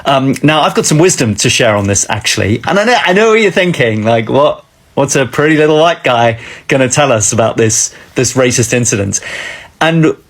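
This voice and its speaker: Husky South African man, wry and earnest. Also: mid-range voice, expressive, moderate pace. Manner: earnest, wry, direct to camera. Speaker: commentator. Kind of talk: casual chat. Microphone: phone camera close up.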